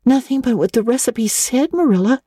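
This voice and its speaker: A woman's voice: a little high, lively intonation, normal speed, dark tone, husky, dry recording, studio quality, voice pushed up. A woman voicing a melodramatic, anguished young schoolgirl in a storybook, stammering and sobbing her words. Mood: anguished, defensive.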